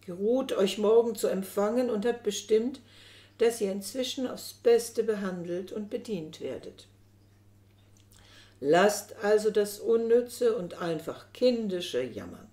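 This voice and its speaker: A woman's voice: medium pitch, animated, unhurried, warm tone, lightly acted. A woman voicing an effusive, scheming old chambermaid who talks insistently, in a roomy recording. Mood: gushing. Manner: gushing, insistent. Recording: roomy echo.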